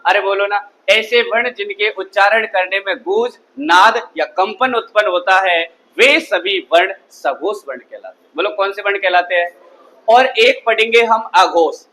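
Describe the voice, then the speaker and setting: A man's voice: high-pitched, moderate pace, sharp tone, low-quality recording. A man teaching a Hindi grammar class, constantly quizzing his students with call-and-response questions. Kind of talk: classroom lecture.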